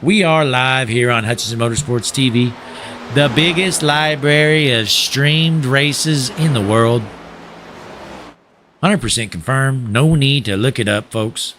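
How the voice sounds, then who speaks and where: A man's voice: medium pitch, measured pace, a bit bright, slight background noise. A young man giving folksy play-by-play commentary on a sim race, joking and calling to "folks", while losing his voice.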